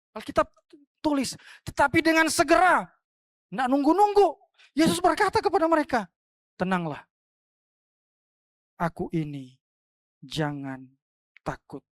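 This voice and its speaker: A woman pastor preaching a sermon in church, swinging between loud emphatic cries and soft, hushed lines. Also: lowish voice, no echo, clean studio sound.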